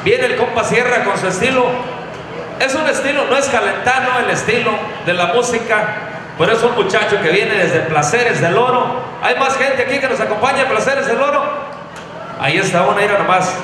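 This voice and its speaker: High-voiced emcee in an echoey hall. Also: male voice, moderate pace, background noise. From Tierra Caliente, Mexico. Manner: loose, joking and thankful. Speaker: event emcee. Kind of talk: live stage announcing. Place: large indoor event hall with a stage. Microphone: handheld stage mic. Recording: echoey hall over live music.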